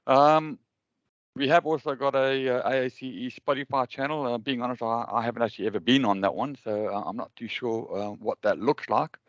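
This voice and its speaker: A South African man opens an online webinar in a smooth, resonant voice, stopping often to fill gaps with ums and uhs. The sound is dry and a little muffled, like audio from a video call. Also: mid-range voice, brisk, no echo. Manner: hesitant, many ums and uhs. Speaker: webinar host.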